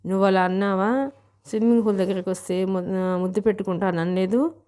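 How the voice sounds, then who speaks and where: A woman voicing a young woman who answers back in a sharp, curt way. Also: mid-range voice, fairly even intonation, quick pace, lightly acted. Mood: angry. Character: angry young woman standing her ground.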